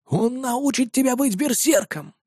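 Old village elder, hushed and urging, voiced by a male narrator. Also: very high-pitched, animated, measured pace, husky, dry recording, studio quality, pitched above the performer's own voice, heavily acted.

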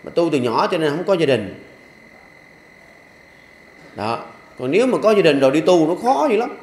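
An older Buddhist monk with a Southern Vietnamese accent gives a dharma talk in a temple hall, preaching a sermon in a folksy, joking style with rhythmic repeated refrains. His voice is fairly high, very animated, a little mellow, and at normal speed. The hall is echoey with faint ambience.

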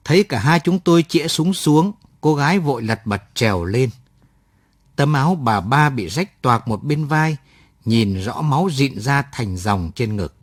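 A man reading a story aloud at night with measured, expressive storytelling. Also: medium pitch, no echo, clean studio sound. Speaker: story narrator.

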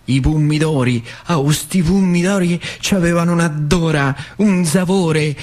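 Playing an old factory worker reflecting on his boyhood, a stage actor gives a colloquial storytelling monologue for radio in a rural central Italian accent from northern Lazio. The voice is a little high. The delivery is vivid, moving between hushed and cried-out moments.

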